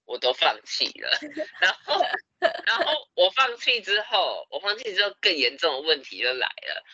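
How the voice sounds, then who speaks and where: A young man, telling stories in a casual podcast chat, animated and laughing often. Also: mid-range voice, no echo, highs cut off. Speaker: podcast co-host.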